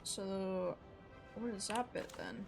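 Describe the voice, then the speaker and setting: A woman's voice: mid-range voice, steady tone, takes it slowly, creaky, over music. A young woman giving casual, chatty commentary while playing a video game. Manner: chatty, amused asides. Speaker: gaming streamer.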